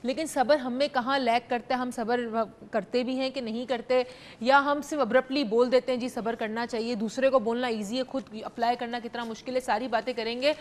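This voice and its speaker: A young woman with a Pakistani accent hosts a live call-in TV show from a studio, chatting freely in Urdu mixed with English. Her voice is a little high, steady in tone, and brisk.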